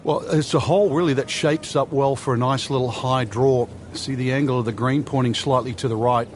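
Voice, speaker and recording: A man giving conversational golf commentary as the analyst, unhurried and explanatory with dry understatement. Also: mid-range voice, steady tone, slight background noise, close to an everyday voice.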